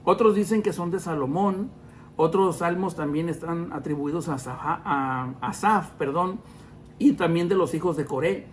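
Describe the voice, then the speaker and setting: A man's voice: fairly high pitch, moderate pace, slight background noise. A man around forty hosting a podcast, teaching the Bible in a casual, chatty way, with many fillers and self-corrections. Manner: addresses listeners as brothers.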